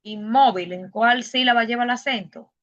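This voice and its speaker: A woman's voice: a little high, normal speed, fairly bright tone, muffled recording. A woman teacher leading an online class, patiently asking questions and explaining step by step.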